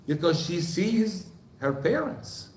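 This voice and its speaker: An older man speaking to a mosque congregation, animated and quizzing the audience with repeated questions. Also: high-pitched, takes it slowly, slight background noise. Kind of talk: lecture to a congregation. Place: mosque hall. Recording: echoey hall recording.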